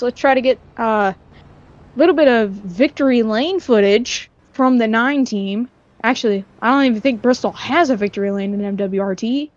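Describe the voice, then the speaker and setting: A woman giving casual live commentary on an online sim race, repeating herself and quick to get excited when the racing tightens. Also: a little high. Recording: dull lo-fi stream mic.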